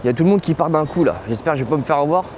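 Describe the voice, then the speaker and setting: A man's voice: fairly high pitch, lively intonation, very fast, darkish tone, slight background noise. A young man from France, a truck driver, chatting casually and slangily to his viewers while filming himself at a truck stop. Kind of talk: casual vlog chat. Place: truck stop outdoors, cold and windy.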